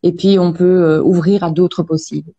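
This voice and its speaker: A woman practitioner explaining energy healing in an interview, speaking calmly with many hesitations. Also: fairly low pitch, breathy edge, lo-fi sound. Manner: calm, measured, many hesitations. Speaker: Access Bars practitioner, guest.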